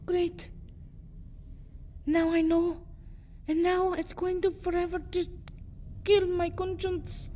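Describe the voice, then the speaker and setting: Here a woman voices an anguished, proud, protective and distraught vampire girl of two hundred years in a melodramatic ASMR monologue. Her voice is very high and warm with a level tone, slow and full of long pauses, over slight background noise. Panicked and despairing, she shifts theatrically between breathy whispers and agitated outbursts.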